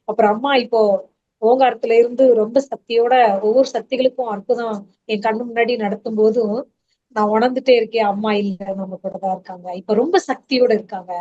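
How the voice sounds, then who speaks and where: A middle-aged woman speaks a heartfelt testimony in a fairly high voice, earnest and fervent, her voice rising with feeling. The recording sounds dull and lo-fi. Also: fairly even intonation, a little fast, dark tone. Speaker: devotee giving testimony. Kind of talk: emotional spoken testimony.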